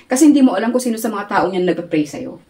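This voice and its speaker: A Filipino woman giving a casual interview, animated and laughing often as she talks. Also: medium pitch, very fast. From Philippines. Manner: animated, laughs often, mixes Tagalog and English. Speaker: interview guest.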